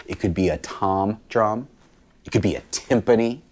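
A man in his thirties reads a picture book aloud, teaching children about musical instruments in an animated, sing-song style. His voice is lowish and his pace moderate. He is recorded on a lapel mic in a small studio room.

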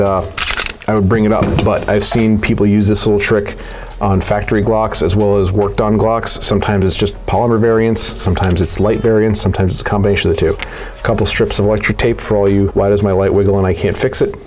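A man's voice: on the low side, slight background noise. A man hosting a casual, joking product review of gun parts. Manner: relaxed, joking, chatty.

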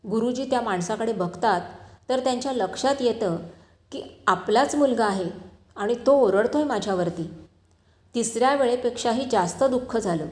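A woman reading aloud a spiritual discourse in a measured, explanatory storytelling manner. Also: fairly high pitch, darkish tone. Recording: roomy echo.

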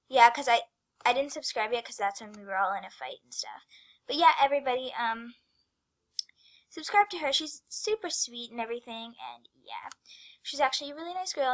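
A woman's voice: high-pitched, very animated, a little fast. A female vlogger talking casually and rambling as she works, often dropping her voice to a whisper. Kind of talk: casual screen-recorded vlog.

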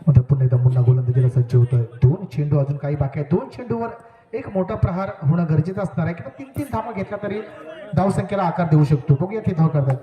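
A man giving live commentary on a local cricket match over an outdoor loudspeaker, joking and repeatedly asking the crowd to cooperate. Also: on the high side, fast, echoey room, narrow, tinny audio. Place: outdoor village cricket ground. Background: crowd at the ground.

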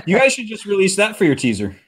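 Animated laughing man on a live stream. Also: high-pitched, fast, breathy edge. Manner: animated, laughing, storytelling with quoted voices. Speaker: comic creator host. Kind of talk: casual live stream chat.

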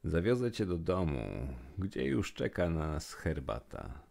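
A man voicing a lonely, gentle male troll in a rhymed storybook poem, with a very deep, gravelly voice. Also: big pitch swings, slow, full character voice. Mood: pleading, gruff. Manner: rhythmic verse delivery.

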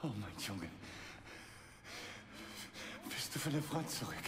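An actor voicing a frail, confused old man in a video game, speaking tenderly with a shaky, breathy voice. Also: fairly low pitch, sing-song, takes it slowly. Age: older. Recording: roomy echo with long reverb and noise.

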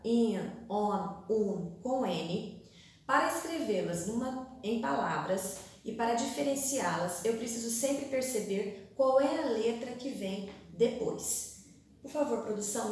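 A woman teacher giving a recorded classroom lesson, reading aloud and sounding out words slowly, syllable by syllable. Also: medium pitch, darkish tone. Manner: slow, deliberate, stretches words syllable by syllable. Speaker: primary school teacher. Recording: very echoey room, voice far from mic.

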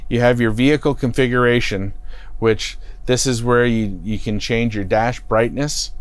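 Speaking at normal speed with fairly even intonation, this middle-aged man has a clear, resonant, mid-range voice with no room sound. He's a product expert sitting in a parked motorhome's cockpit, walking through an unscripted how-to in plain, halting speech with fillers and restarts, recorded on a lapel mic.

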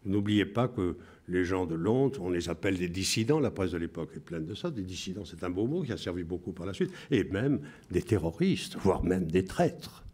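A man in his seventies from France, a writer talking reflectively in an interview, deliberate, with pauses and restarts. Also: low voice, lively intonation, darkish tone, husky. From France (Bordeaux).

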